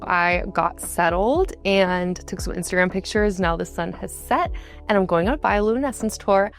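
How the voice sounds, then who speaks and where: A woman's voice: mid-range voice, normal speed, faint music behind. Bubbly young woman travel vlogger. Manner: bubbly, gushing and excitable. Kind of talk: travel vlog narration and on-camera chat. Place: outdoors at a tropical resort.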